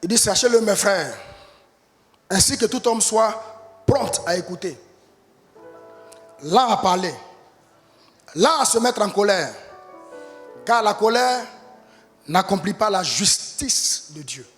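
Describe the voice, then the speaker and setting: A man preaching a sermon as pastor, impassioned and often rising to shouts. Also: high-pitched, animated, slow, pauses often, big-room sound, faint music behind. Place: church.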